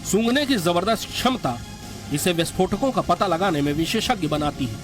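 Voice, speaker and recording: A man narrates a documentary from a script. His voice sits somewhat high for a man, with soft music playing behind him. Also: expressive, moderate pace.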